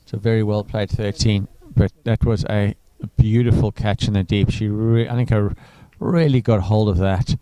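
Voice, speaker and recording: A man's voice: on the low side, fairly even intonation, normal speed, hardly any pauses, dark tone, clean tone, dry recording, rough recording. A man from Africa, giving chatty live cricket commentary full of enthusiastic asides. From South Africa.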